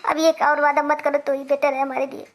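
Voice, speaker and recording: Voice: high-pitched, flat delivery, brisk. A performer voicing a jilted village man in a cartoon comedy, with an Awadhi accent, ranting, stammering and tearfully threatening his ex. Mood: hurt, accusing.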